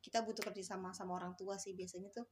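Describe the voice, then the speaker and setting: Describing her work in an offhand manner, this female speech therapist hesitates a lot, filling gaps with fillers and starting sentences over. She speaks at a medium pitch with little rise and fall, over a faint underlying noise.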